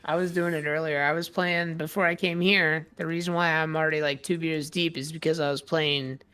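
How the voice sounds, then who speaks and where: Excitable man chatting over a game. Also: on the high side, brisk, clean tone. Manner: excitable, loud exclamations. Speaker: host. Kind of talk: casual gaming chat.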